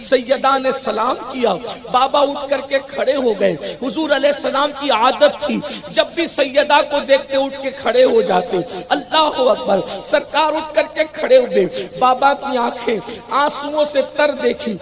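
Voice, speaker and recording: A man's voice: very high voice, few pauses, crowd noise. A male preacher delivering an emphatic, rhetorical sermon to a large gathering, often calling out that God is great. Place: large outdoor religious gathering.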